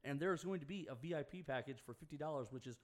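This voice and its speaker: A man's voice: a little high, quick pace. Joking man hosting a sports radio show. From Houston area, Texas. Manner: joking, loose banter with asides. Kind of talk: casual sports radio chat.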